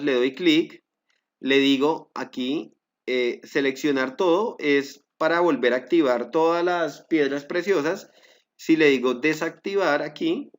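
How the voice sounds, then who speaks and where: Man giving a step-by-step software lesson. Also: fairly high pitch. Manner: step-by-step, guiding viewers with frequent fillers and self-corrections. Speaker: Excel instructor. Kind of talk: screen-recorded software tutorial.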